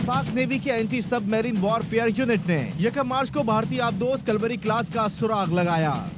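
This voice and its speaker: Man, high voice, emphatic news voice-over, loud music bed. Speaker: news reporter.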